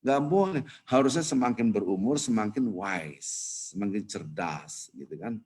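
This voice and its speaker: A man giving a casual dawn lecture at a mosque, chatty and playful, with sudden loud bursts of emphasis. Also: on the low side, measured pace, slightly rough. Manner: lively, conversational, jokes and sudden loud emphasis. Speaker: preacher.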